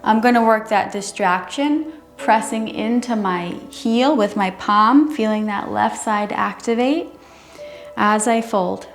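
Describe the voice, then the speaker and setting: Woman yoga teacher, slow careful unhurried talk, gentle, bit echoey room w music behind. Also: medium pitch. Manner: careful, unhurried, measured delivery. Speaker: yoga instructor. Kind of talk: guided chair yoga instruction. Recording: roomy echo, music underneath.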